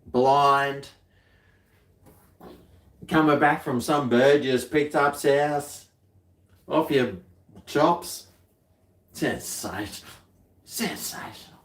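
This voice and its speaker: This middle-aged Australian livestream host talks very slowly with frequent pauses, in a mid-range, fairly bright voice. He's casual, laid-back and blokey, heavy on slang, and the sound is roomy and echoey.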